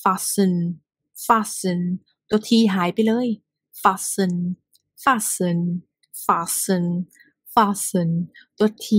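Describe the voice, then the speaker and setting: A woman's voice: mid-range voice, a little mellow, husky, dry recording. A woman teaching English pronunciation, repeating phrases over and over, often half-whispered, and teasing her students directly.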